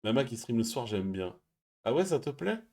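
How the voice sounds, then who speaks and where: Guy hosting a stream, talking low and soft, chatty, laughs a lot, voice jumps all over. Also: moderate pace. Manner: quiet, lively, laughs often. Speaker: stream host. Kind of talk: casual chat reading viewer messages.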